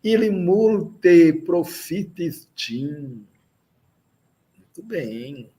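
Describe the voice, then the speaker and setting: Slow, patient teacher, man. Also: on the high side, very animated, mellow. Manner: slow, patient, with frequent "né?" checks; repeats phrases slowly for learners. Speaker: Esperanto teacher. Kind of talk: language lesson, explaining grammar.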